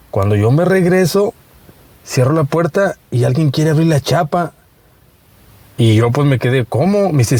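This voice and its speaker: A man in his thirties with a Mexican accent, telling a personal story in a casual, halting way with many restarts. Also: mid-range voice, a little mellow, dry recording. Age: 30s. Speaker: listener sharing a story.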